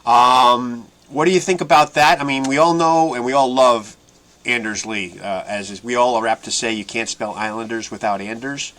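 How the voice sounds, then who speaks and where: A man hosting a casual sports fan podcast, asking his co-host questions and often trailing off quietly. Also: mid-range voice, normal speed. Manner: asks his co-host questions, many restarts.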